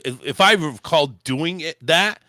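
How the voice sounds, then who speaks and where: A man's voice: on the high side, expressive, unhurried, bright, forceful tone, dry recording, studio quality. A man hosting a casual comedy podcast, crude and profane, rambling through celebrity gossip. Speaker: podcast host. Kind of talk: casual comedic chat, recapping celebrity news. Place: home studio in Florida.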